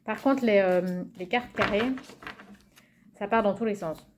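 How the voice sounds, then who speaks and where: A woman presenting a card game in a casual video, cheerful and amused, pausing often with fillers and reading titles slowly. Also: mid-range voice, a little hiss or hum. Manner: hesitant, many fillers, muses aloud over names; reads English card titles slowly and carefully. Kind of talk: casual show-and-tell presentation.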